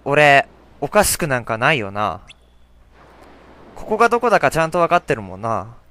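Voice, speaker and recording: Male gamer voicing upbeat teen boy hero, read straight from the game text, lively pitch. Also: moderate pace. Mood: puzzled. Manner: reading game dialogue aloud. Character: cheerful teenage boy hero.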